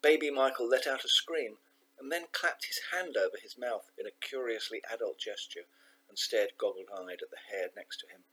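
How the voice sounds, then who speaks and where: A man reading a children's novel aloud, measured and expressive, slowing down for emphasis. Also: mid-range voice, breathy edge, low-quality recording. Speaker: audiobook narrator. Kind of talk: scripted narration of a children's novel.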